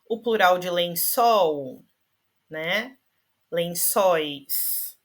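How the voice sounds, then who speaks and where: A woman teaching a grammar lesson over slides, patient and checking in often with her listeners, slowing down to spell out word endings. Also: fairly low pitch, expressive. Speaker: Portuguese teacher.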